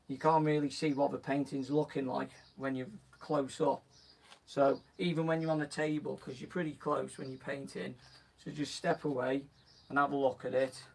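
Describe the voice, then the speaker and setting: On a live stream, a painting instructor with a croaky, medium-pitched voice casually talks through each step of a painting as he works. He's relaxed, often saying "so" and "just gonna," and he sounds distant from the mic, with faint background noise.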